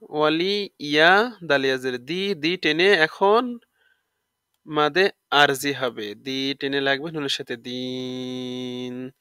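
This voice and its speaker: A man teaching tajweed, spelling out letters and rules step by step and drawing out the recited words slowly, with a Bangladeshi Bengali accent. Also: fairly high pitch, bright, forceful tone, clean tone, no echo, studio quality. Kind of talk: tajweed lesson with slow recitation.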